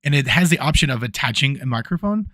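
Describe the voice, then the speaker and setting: Here a dungeon master narrates a relaxed tabletop session in an expressive, fast, fairly bright medium-pitched voice, recorded on a new desk microphone without echo. Um-filled and rambling, he keeps restarting, and his volume swells and drops as he wanders off the mic.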